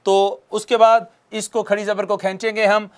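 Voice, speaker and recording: A man teaching Quran recitation, patiently correcting and chanting drawn-out demonstration words for students to repeat. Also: high-pitched, flat delivery, smooth. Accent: Pakistani Urdu. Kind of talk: recitation lesson with call-and-repeat.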